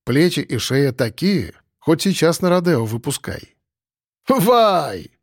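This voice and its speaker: A man narrating a first-person audiobook in a wry, lively way. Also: fairly high pitch, unhurried, no room sound, clean studio sound.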